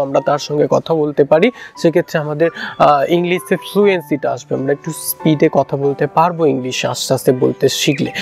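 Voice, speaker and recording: A man whose first language is Bengali, teaching spoken English in a relaxed, casual way with many fillers and restarts. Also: fairly high pitch, gravelly. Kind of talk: casual instructional talk.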